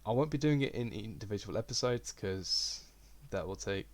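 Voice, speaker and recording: Low-voiced young man explaining software. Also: moderate pace. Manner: relaxed, rambling, self-deprecating. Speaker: game development tutor. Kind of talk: casual screen-recorded tutorial.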